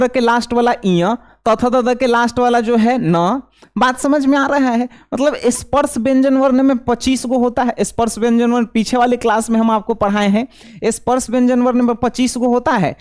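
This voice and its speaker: A man's voice: very high voice, clean tone. Male teacher drilling students. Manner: repeats points and keeps quizzing students. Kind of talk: exam-prep grammar lesson.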